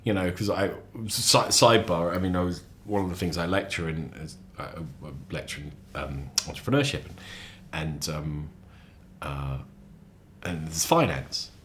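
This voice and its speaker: A man chatting as a podcast guest, lively and animated, often repeating and restarting his words. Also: moderate pace, slight background noise. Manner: animated storyteller, acts out quotes with sudden high voices. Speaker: lecturer. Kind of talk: casual chat.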